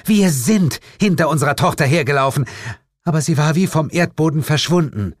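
A man voicing a sharp-tongued, worried mother in an audiobook, snappy and indignant, raised well above his own pitch. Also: lively intonation, a little fast, dry recording, studio quality. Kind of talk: audiobook character voice.

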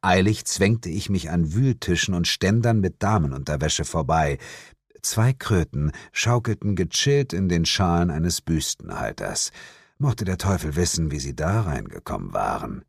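A man's voice: deep voice, sing-song, measured pace, gravelly, breathy edge, dry recording. A man narrating a first-person story as an audiobook, with dry, wry storytelling.

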